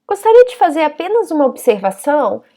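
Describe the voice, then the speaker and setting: A woman teaching a recorded grammar lesson, explaining step by step and slowly sounding out words. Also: high voice, big pitch swings, warm tone. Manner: patient, explains step by step with frequent "tá?" and "ó".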